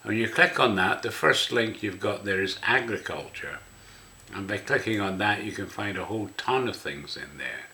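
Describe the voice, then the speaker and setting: Casting: older Scottish male host, smoker's rasp, low bright voice, rambling informal walk-through. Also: expressive, moderate pace, slight background noise. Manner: rambling, conversational. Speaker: website host. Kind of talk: casual spoken walk-through of a website.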